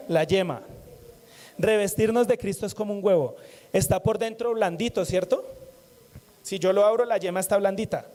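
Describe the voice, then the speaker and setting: A man's voice: sits high, dark tone. A man preaching a sermon in a conversational way, repeating phrases and joking with the congregation.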